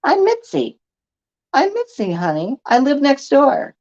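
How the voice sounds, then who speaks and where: Woman reading as a prying neighbor lady, condescending and chatty, swooping pitch, dull lo-fi sound. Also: lively intonation, a little slow, a little mellow. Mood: sugary. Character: nosy gossiping middle-aged woman neighbor.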